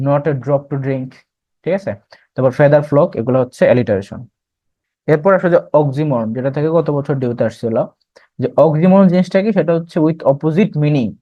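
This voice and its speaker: A man's voice: fairly high pitch, mellow, lo-fi sound. A young man teaching an admission test revision class, explaining terms and quizzing students as he goes.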